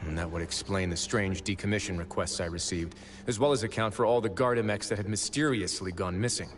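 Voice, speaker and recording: A male actor plays a stern, protective warden in an anime game. His voice is on the low side, composed and deliberate, like someone used to reasoning things through, over clear background music. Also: natural voice. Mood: calm, assured. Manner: measured, deliberate, philosophical.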